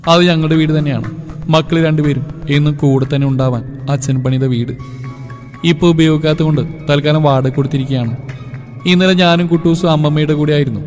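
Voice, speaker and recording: High-voiced man narrating a playful story. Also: steady tone, brisk, darkish tone. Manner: chatty, playful. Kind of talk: storybook narration, voicing all roles. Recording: long hall reverb, music behind.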